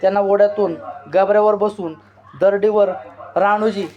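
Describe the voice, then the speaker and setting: A male storyteller gives a dramatic literary reading in a high voice. He reads with expression and stretches out the cries in the story. The recording is dull and lo-fi. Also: flat delivery, normal speed. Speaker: storyteller explaining a novel.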